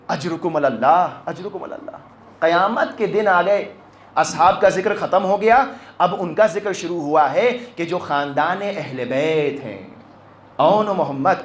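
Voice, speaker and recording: A male preacher leads a mourning gathering in a high, ringing voice. He chants his lines with strong passion and often swells into cries. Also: slight background noise. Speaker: maulana leading a mourning majlis. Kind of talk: mourning sermon with lamentation.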